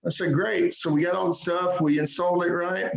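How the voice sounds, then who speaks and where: A man's voice: high voice, fairly even intonation, fairly quick, creaky. Joking man on an echoey call. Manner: self-deprecating, punchy joke delivery with frequent "right?". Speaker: stand-up comedian. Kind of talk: stand-up set on a video call. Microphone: computer mic on a video call. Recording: echoey room on a video call.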